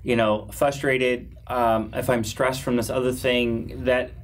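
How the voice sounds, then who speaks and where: Reflective man speaking in halting phrases. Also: medium pitch, flat delivery, slight background noise. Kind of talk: live webinar Q&A chat.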